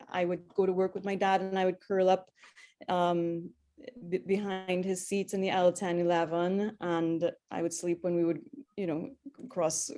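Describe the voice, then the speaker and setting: Appearing as a video-call guest, a Trinidadian airline pilot in her thirties shares her personal story in a chatty way, full of ums and false starts. She speaks at a fairly low pitch with a slightly mellow tone.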